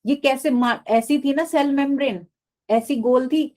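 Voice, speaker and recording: गहरी मधुर आवाज़ वाली शिक्षिका. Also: female voice, high-pitched, unhurried, darkish tone. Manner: explains step by step, keeps asking the class questions. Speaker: biology teacher. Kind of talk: live online class lecture.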